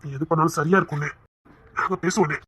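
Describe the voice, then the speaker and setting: A man's voice: on the high side, fairly even intonation, fast, sharp tone, husky. A man playing an earnest, pleading younger brother.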